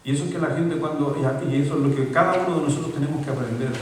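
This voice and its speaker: Pastor preaching in an echoey hall. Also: male voice, fairly high pitch, rapid-fire, darkish tone. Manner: conversational, asks the congregation questions. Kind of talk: sermon. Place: church hall. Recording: echoey church hall from far off.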